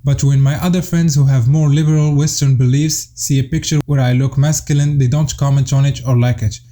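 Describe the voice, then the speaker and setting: A young man from Morocco talks through a scripted commentary in a steady, explanatory way. His voice is very dark and mellow. He sits at middle pitch and lays out his points in order, like a list. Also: fairly quick. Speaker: YouTube commentator.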